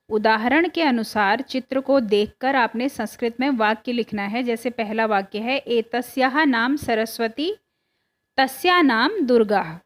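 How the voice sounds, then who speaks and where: A woman teacher explaining a lesson, reading words out slowly and carefully. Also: a little high. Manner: slow, careful, reads words aloud one by one.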